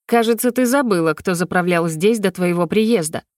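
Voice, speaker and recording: A woman's voice: on the low side, normal speed, darkish tone, no echo, clean studio sound, natural voice. A woman voicing an arrogant, scheming female former favorite of a ruler in an audiobook, sneering and haughty. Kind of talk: audiobook character voice.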